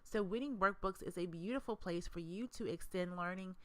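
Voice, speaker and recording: A woman hosting a mastermind program, who pitches it with enthusiasm, stacks up emphatic adjectives and speaks straight to the listener. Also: fairly quick, no room sound. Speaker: educator and mastermind host. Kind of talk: promotional presentation.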